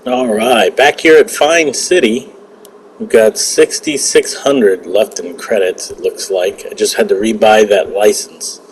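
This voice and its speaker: A man's voice: fairly low pitch, measured pace, a little hiss or hum, poor audio. A man giving casual, rambling commentary over a hunting video game, often restarting his words. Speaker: gaming channel host.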